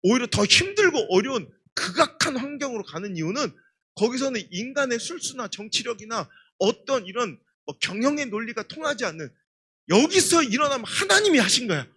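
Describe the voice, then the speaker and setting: A middle-aged man preaching a revival sermon, telling stories in an emphatic, animated way. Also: very high-pitched, fairly quick, husky. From Chungcheong, Korea. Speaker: guest pastor.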